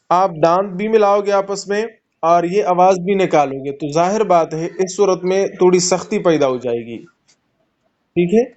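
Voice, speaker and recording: A man with a Pakistani Urdu accent teaches Quran recitation in an online class. His voice sits high, and he patiently stretches out letter sounds, repeating them so a student can copy. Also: a little mellow, dull audio. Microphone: online call.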